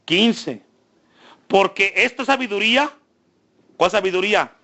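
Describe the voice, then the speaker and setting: High-voiced pastor preaching. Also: male voice, expressive, measured pace, bright, forceful tone, highs cut off. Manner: asks the congregation questions, preaching with rising emphasis. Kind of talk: sermon. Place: church.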